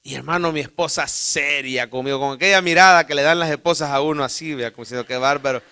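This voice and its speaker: A man preaching a Sunday sermon in a church, telling a personal story in an animated way and speaking straight to his listeners. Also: fairly high pitch, fast talker, smooth. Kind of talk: sermon told as a personal anecdote. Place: church sanctuary during a live Sunday service.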